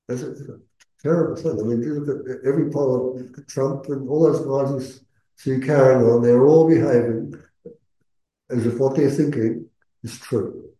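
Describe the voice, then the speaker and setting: A man speaking as a Buddhist meditation teacher, giving earnest, measured spoken teaching with pauses mid-phrase. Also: mid-range voice, warm tone. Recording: echoey room.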